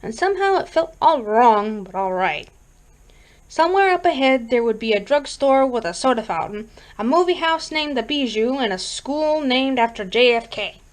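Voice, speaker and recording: A woman reads a horror short story aloud, calm and measured. Her voice sits high and she keeps an even, steady reading pace. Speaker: reader.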